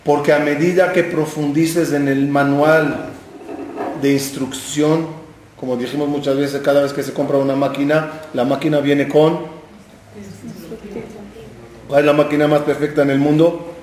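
A man's voice: on the high side, flat delivery, a little slow, long pauses, darkish tone, a little hiss or hum. A man giving a Torah class, telling stories with acted dialogue and asking the listeners questions. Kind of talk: sermon. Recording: very echoey room.

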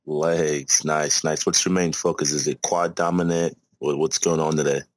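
Super low voiced young dude on a podcast, dry close sound, chill and hyping his buddy up. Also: little pitch movement, normal speed, no room sound. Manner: laid-back, egging his co-host on. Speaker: podcast co-host. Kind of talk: casual chat.

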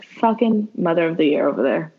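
A woman casually chatting about a TV show, excitable, swearing and laughing often. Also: low voice, fairly quick, slightly rough, phone-quality sound. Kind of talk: casual chat reviewing a TV show.

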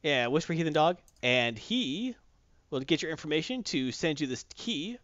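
A man co-hosting a game stream show, chatting casually and reading out shout-outs with jokey energy. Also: on the high side, big pitch swings, moderate pace, dry recording. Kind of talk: casual livestream chat and giveaway. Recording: dull lo-fi dry stream audio.

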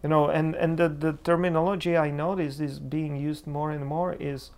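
He's a preacher from the Czech Republic, interviewed in a reflective theological conversation and groping for words in his Czech accent. The voice is fairly high-pitched and flat, at a moderate pace.

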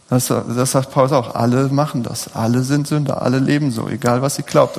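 Husky preacher man in a reverberant hall. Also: mid-range voice, darkish tone. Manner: conversational, asks the audience rhetorical questions. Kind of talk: sermon.

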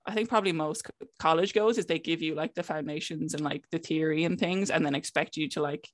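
A young woman speaks in a west of Ireland accent at a middling pitch. She tells personal stories in a casual, conversational way, often acting out little exchanges. The sound is close and dry. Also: brisk, no echo. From County Clare, west of Ireland. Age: young adult. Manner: conversational, frequent filler "like", quoting herself and others. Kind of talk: casual chat, telling personal anecdotes.

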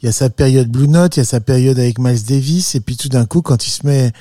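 A man's voice: medium pitch, fast talker, warm tone, no room sound, studio quality. A man with a French accent chatting casually as a musician guest, enthusiastic, slangy and rambling. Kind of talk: casual chat.

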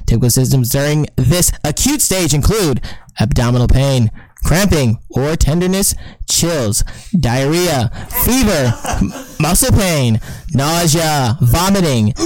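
A man's voice: fairly high pitch, darkish tone, dry recording, close to an everyday voice, rough recording. A man putting on a stiff mock news anchor. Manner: stiff formal announcer delivery. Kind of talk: mock newscast reading.

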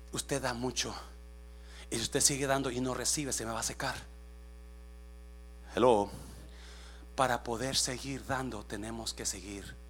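A pastor with a mid-range voice preaches in Spanish sprinkled with English phrases, addressing the congregation directly and asking many questions. He swings between hushed asides and shouted calls, and a faint mains hum runs underneath.

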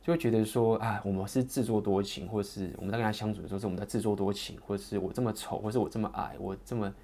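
A man with a Taiwanese Mandarin accent tells a personal story at a quick clip. His voice sits fairly low, and he rambles along with lots of fillers and restarts. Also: steady tone, warm tone.

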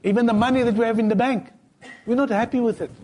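Against a noisy background, a man with a very high-pitched voice talks fast while giving a Friday sermon in a mosque as sheikh. He tells stories casually in everyday speech, retelling scenes with lively quoted dialogue.

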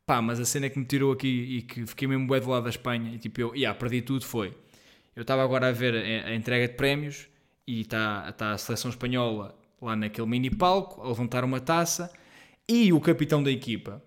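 Chatty young Portuguese podcast host. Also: male voice, mid-range voice, fast talker. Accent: European Portuguese. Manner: rambling, self-deprecating, excitable, heavy slang and fillers. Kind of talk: casual solo podcast monologue. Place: at home.

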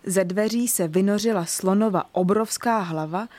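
A woman narrating a children's story in an even, clear storytelling manner. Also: medium pitch, no echo.

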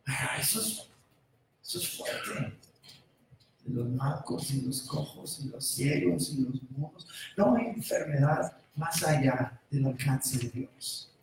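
A male preacher giving a sermon, moving between quiet musing and loud shouting. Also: mid-range voice, slow pace, background noise. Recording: roomy echo from far off.

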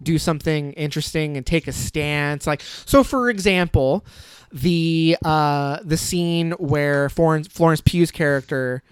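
A man co-hosts a film podcast, critical and blunt, swearing casually as he argues his view. His voice is smooth and a little high, recorded close and dry. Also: measured pace, dry recording. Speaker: podcast co-host. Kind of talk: casual film review chat.

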